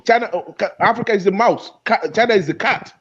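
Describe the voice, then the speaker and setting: A man with a notably high voice argues with passion, tripping over and repeating his words as he pushes his point. The audio is dull and lo-fi. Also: quick pace, a bit bright, slightly rough. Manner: passionate, repeats and restarts phrases. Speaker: guest speaker in an online discussion. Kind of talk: heated debate.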